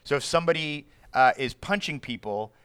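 A man's voice: a little high, a little fast, clean tone, no echo. A man talking casually on a podcast about a story and reading short passages from it aloud. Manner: relaxed, reads passages aloud. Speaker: podcast co-host. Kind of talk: casual book discussion.

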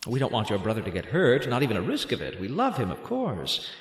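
An actor playing a smooth, manipulative man who coaxes and hushes a child in an audio drama. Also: medium pitch, huge pitch swings, fairly quick. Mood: coaxing, scheming. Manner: coaxing, hushing, questioning tags. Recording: roomy, echoing sound.

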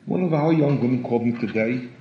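A man giving a sermon in a halting way, often repeating words and rising in pitch for emphasis. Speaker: rabbi. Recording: echoey room, dull lo-fi sound.

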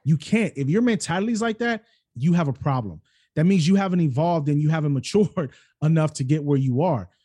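A middle-aged podcast host who grew up in New York City and Cleveland, Ohio, chats casually in an interview, telling stories emphatically and with animation. His voice is a little high, brisk, and slightly rough.

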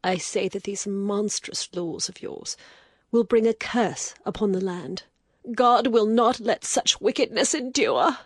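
Woman voicing a breathy, high weary noblewoman. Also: normal speed, no room sound, studio quality. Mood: indignant. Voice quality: breathy, whispery. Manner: hushed and tired, rising to bitter outrage. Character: weary, proud young noblewoman. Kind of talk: audiobook character voice.

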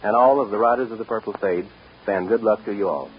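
A man's voice: lowish voice, quick pace. A man with an American accent hosting a 1940s radio variety show from a script, folksy and courteous. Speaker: show host and bandleader. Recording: noisy, dull vintage radio broadcast.

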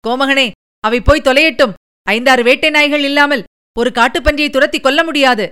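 A woman's voice: sits high, pushed and bright. A woman reading aloud voices a fearful young nobleman who hurries through anxious, pleading warnings. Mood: relieved. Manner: urgent, rapid warnings.

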